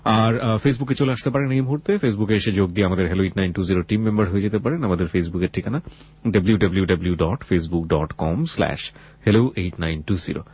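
A man with a Bangladeshi accent hosts late-night radio in a low, husky voice. He speaks deliberately and philosophically, dropping English phrases into his talk as he addresses listeners. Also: darkish tone. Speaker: radio host. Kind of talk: late-night life-story talk show hosting.

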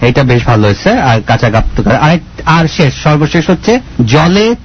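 A man hosting a radio prank call, giving instructions in a calm, measured way with small hesitations. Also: medium pitch, slight background noise. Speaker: radio prank show host. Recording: dull lo-fi radio phone recording.

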